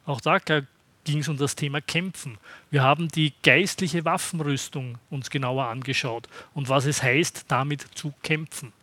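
A man preaching a sermon to his congregation in a conversational way, often pausing to ask "Ja?". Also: fairly high pitch, steady tone, pushed and bright, no echo. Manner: conversational, checks in with the congregation by asking "Ja?".

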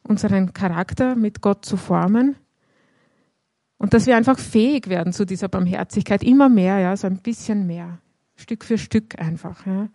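A woman gives a sermon in an easy, conversational way. She keeps checking in with her listeners with a soft "ja" and works through the passage one step at a time. Her voice is recorded close and dry, with no room sound. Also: mid-range voice, normal speed, no echo. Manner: conversational, frequent "ja" tags. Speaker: preacher. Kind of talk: sermon with Bible reading.

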